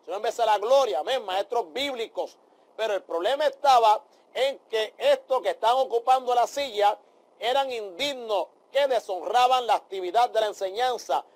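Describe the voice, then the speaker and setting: A man leads a Bible study in a fervent preaching style. His voice sits very high for a man, and he keeps calling out amén and aleluya to his listeners. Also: moderate pace. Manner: addresses listeners as brothers.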